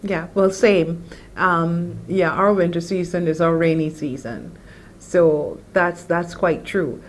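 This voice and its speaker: Slow-talking woman host. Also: on the low side, steady tone, slight background noise. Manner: measured, backchannels often. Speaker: talk show host. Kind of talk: interview hosting.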